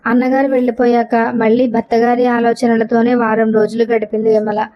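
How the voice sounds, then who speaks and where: A woman reading a novel aloud as narrator, in a steady, expressive storybook style. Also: a little high, normal speed. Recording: dull lo-fi recording.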